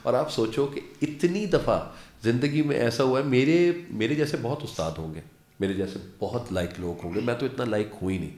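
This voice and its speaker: A man in his fifties, an actor and lecturer, telling stories as an interview guest and acting out quoted dialogue. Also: medium pitch. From Pakistan. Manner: animated storyteller who acts out quoted dialogue. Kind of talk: casual interview storytelling. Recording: roomy studio echo.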